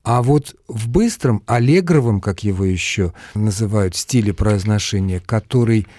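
A man speaking as a language expert on a radio call-in show, measured and precise, explaining at length in a lecturing way. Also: on the low side, dark tone.

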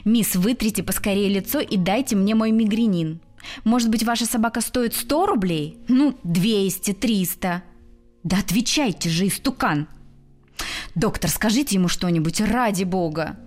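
A woman's voice: medium pitch, normal speed, a little mellow, faint music behind, natural voice. A woman playing a haughty rich lady. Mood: exasperated. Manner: haughty, exasperated. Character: imperious rich lady, impatient and shrill.

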